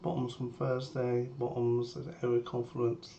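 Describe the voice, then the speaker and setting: A man's voice: medium pitch, unhurried, vocal fry, lo-fi sound. A man with a strained sore-throat voice, under the weather, giving matter-of-fact live market commentary as a trader. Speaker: trader sharing a premarket plan. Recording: steady background noise, keyboard typing.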